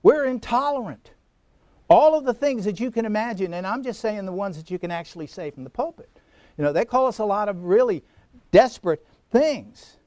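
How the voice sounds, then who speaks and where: A male pastor preaching a sermon in church, emphatic, repeating key phrases and slowing down to stress them. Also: high voice, expressive, a little mellow, no room sound. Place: church sanctuary.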